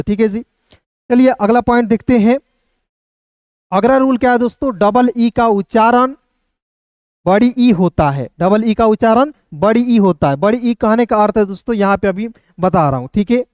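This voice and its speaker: A male teacher giving a pronunciation lesson, spelling out words slowly and checking often that students follow. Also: high-pitched, darkish tone, dry recording, clean studio sound. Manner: repeats words slowly, often says "dosto" and "clear hai". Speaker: English teacher.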